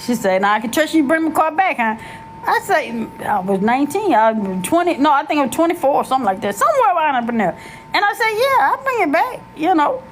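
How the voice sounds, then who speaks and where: A middle-aged woman tells her own story. Her voice sits fairly high, and she talks in a loose, slangy, animated way, stopping to hunt for words. A faint hiss runs under the recording. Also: quick pace. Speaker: host telling her life story. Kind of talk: casual storytelling.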